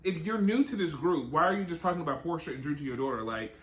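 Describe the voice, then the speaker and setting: A man co-hosting a reality TV recap podcast, chatting in a sassy, animated, shady way. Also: a little high, fast, roomy sound. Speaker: podcast co-host. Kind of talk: casual gossip chat.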